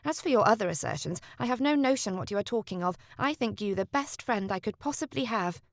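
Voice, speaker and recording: A woman voicing a timid, loyal young woman who speaks softly and low through a door. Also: lively intonation, brisk, no echo, studio quality, close to an everyday voice. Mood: gentle. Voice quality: soft and hushed.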